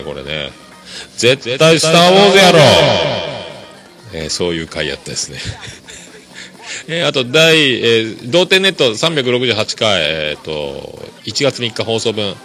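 Low, lively man chatting. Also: vocal fry. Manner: chatty, enthusiastic, laughs softly between remarks. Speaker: podcast host. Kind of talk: casual solo podcast talk.

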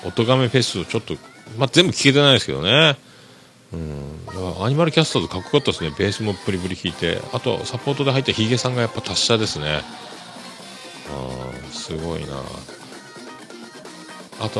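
A man rambling easygoingly through a solo podcast, full of fillers. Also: sits low. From Kyushu, Japan. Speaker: podcast host. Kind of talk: casual solo podcast talk. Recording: clear background music under voice. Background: music.

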